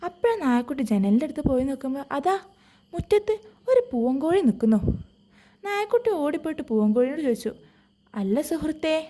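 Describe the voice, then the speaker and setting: A woman narrating a bedtime story for children, expressive and addressing them directly. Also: sits high, quick pace, a little hiss or hum.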